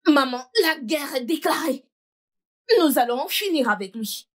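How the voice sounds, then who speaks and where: A woman's voice: high-pitched, expressive, moderate pace. A woman dubbing a defiant grown daughter who declares war on an enemy, in a French film dub. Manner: defiant, insistent. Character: fierce grown daughter, vengeful and protective.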